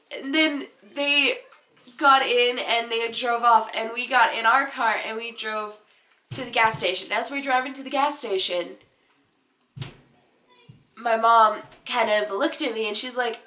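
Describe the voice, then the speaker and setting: Giggly high-voiced teen girl in echoey room. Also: unhurried, pauses often. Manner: animated, giggly storytelling with rambling asides. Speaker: vlogger. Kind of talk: casual story time.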